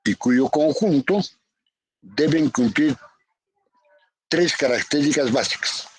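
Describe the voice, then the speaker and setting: A man's voice: medium pitch, animated, takes it slowly, slightly rough, no room sound. A man from Peru, a university economics professor teaching a virtual class, who repeats his definitions and keeps asking "no?" and "ya?" of his students. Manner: calls on students by name, repeats definitions with tag questions. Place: home, online class. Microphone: computer mic on a video call.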